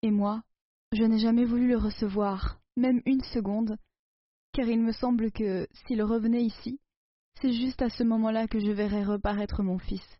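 Woman doing a dying old mum, anguished, pleading, kinda highish, dull dry audio. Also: steady tone, moderate pace, no echo, natural voice. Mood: lamenting. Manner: pleading, emotional, lamenting. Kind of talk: audiobook dialogue reading.

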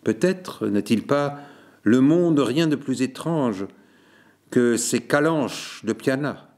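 Slow, measured male storyteller. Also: on the low side, darkish tone. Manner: measured, deliberate reading. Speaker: narrator. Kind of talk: literary audiobook narration.

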